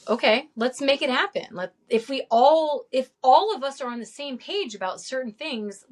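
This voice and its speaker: A middle-aged woman telling stories casually as an interview guest, lively and acting out the voices she quotes. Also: high-pitched, moderate pace. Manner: animated, acts out quoted voices. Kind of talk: casual storytelling.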